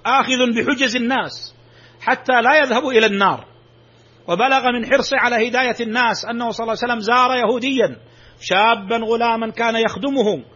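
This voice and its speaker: Fast, bright-voiced preacher. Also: male voice, extremely high pitch. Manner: emphatic, rising sharply on exclamations. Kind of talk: sermon. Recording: dull lo-fi recording.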